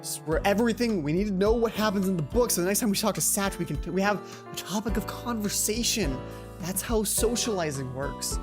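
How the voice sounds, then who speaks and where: A woman hosts a let's play, reading a visual novel aloud and narrating with casual asides as music plays behind her. Her medium-pitched voice is brisk and animated, and she often corrects herself, reworking and repeating lines to rehearse them.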